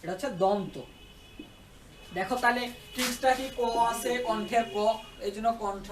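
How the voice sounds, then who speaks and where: A man's voice: high voice, moderate pace, recorded from a distance, noisy background. A male tutor explaining a grammar lesson, often stopping to ask if students follow. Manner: checks understanding with repeated questions. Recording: roomy echo, away from the mic.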